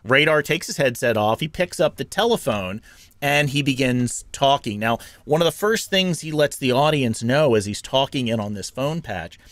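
This is a man with an average-pitched voice who hosts a talk show and explains things at a conversational pace. He talks loosely, with fillers and restarts. The recording is close and dry. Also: lively intonation, normal speed, fairly bright tone, no room sound. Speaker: podcast host.

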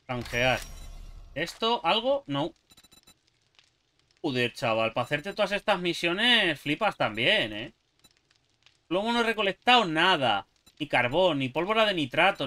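A young man with a Spain Spanish accent giving casual let's-play commentary, swearing and chatting to himself as he plays. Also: sits high. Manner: lively, swearing, talking to himself and the game. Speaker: gameplay YouTuber.

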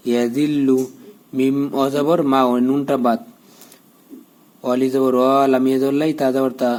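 A man teaching a prayer, spelling out letters and vowels at a quick clip, then chanting the joined words slowly. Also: medium pitch, mellow. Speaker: Quran recitation teacher. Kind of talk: spelling out and reciting Arabic prayer.

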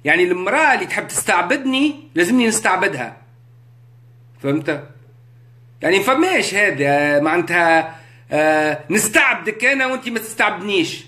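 A man with a Tunisian accent holds forth in a casual livestream and keeps checking that his listeners follow. His voice sits fairly high, and French phrases slip into his speech. The room around him is echoey. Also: sharp tone. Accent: Tunisian Arabic. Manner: rhetorical, keeps checking understanding, mixes in French. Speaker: live streamer. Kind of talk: casual live-stream monologue. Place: indoors, live on social media.

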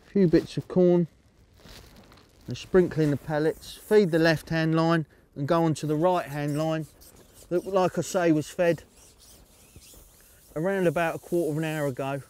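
A middle-aged man calmly explaining his fishing method outdoors at a lakeside, speaking steadily into a lapel mic. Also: on the high side, normal speed, long pauses. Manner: calm, steady, explaining as he fishes. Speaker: angling coach.

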